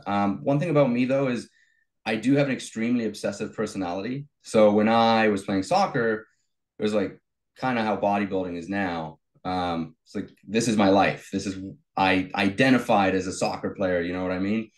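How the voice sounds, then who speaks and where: A young man with a lowish voice, from South Africa, talking as a guest in a casual interview. He tells his story easily, pausing on fillers as he goes. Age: young adult. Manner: relaxed storytelling with many fillers. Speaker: guest, bodybuilder and coach.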